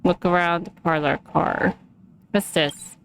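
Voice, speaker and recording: A woman's voice: on the low side, steady tone, slow pace, gravelly, fairly bright tone, a little hiss or hum, rough recording. A woman giving casual, chatty gameplay commentary, giggling and thinking aloud as she plays. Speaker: game streamer.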